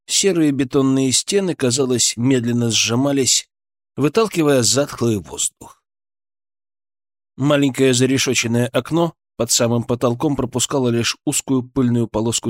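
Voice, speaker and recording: A man narrating an audiobook in a dramatic, expressive manner, close on the mic. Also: medium pitch, no room sound. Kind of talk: scripted narration.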